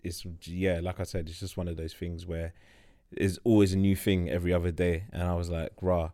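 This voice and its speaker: Casting: man with London roadman accent, low voice, slangy casual podcast banter, recorded dry. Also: flat delivery, a little fast, dark tone, no echo. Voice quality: roadman slang-heavy speech. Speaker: podcast co-host. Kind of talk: casual chat. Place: studio.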